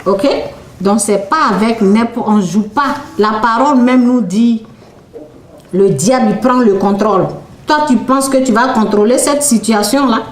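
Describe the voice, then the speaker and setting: A woman's voice: a little high, a little slow, roomy sound. A woman, preaching a conversational testimony that tells a story, repeats phrases and tags her lines with "là" and "hein".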